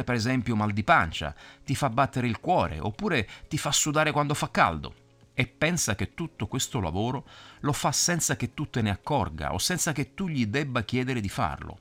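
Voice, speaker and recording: Male narrator, children's story, lower voice with a very lively pitch, gently explains to a child.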